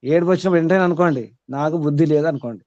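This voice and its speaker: A man's voice: on the high side, rapid-fire, a little mellow, no room sound. A man giving a spiritual teaching to listeners. He asks them questions, repeats key words, and chuckles now and then. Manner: chuckles between points. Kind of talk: question-and-answer spiritual discourse. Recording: slightly dull, dry recording.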